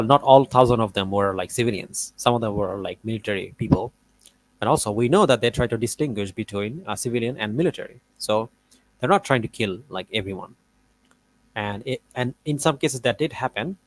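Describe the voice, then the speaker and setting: A man's voice: mid-range voice, fairly quick, poor audio. A man reviewing a debate clip in casual reaction commentary, arguing his points in a rambling way. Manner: argumentative, rambling, with fillers.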